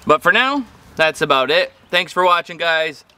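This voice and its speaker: A man's voice: fairly high pitch, animated, normal speed, heavy background noise. An upbeat man hosting a casual family vlog outdoors on a lakeside dock. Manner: upbeat, enthusiastic. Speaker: vlog host.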